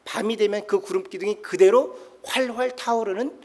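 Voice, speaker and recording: A man preaching a sermon as pastor. He moves between loud exclamations and soft, intimate lines, telling stories and acting out voices. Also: sits high, normal speed. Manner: tells anecdotes and acts out quoted voices.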